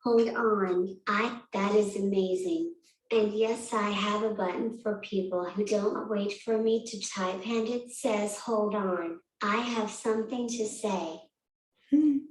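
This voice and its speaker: Very slow synthetic woman's voice, old speech synthesizer. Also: mid-range voice, steady tone. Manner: halting, often single words or letters spoken as typed. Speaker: panel guest using an augmentative communication device. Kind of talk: typed messages spoken by a communication device. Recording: roomy, echoing device playback.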